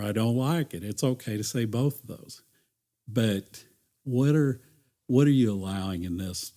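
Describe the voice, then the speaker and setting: A man's voice: lowish voice, warm tone. A man working as a church counselor, talking earnestly and reflectively on a podcast, often restarting his phrases. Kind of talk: conversational podcast talk.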